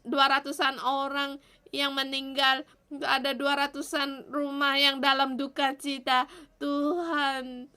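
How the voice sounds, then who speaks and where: A woman's voice: sits high, pushed and bright. A woman giving a morning devotion and leading an earnest, pleading prayer in short phrases. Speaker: devotion speaker.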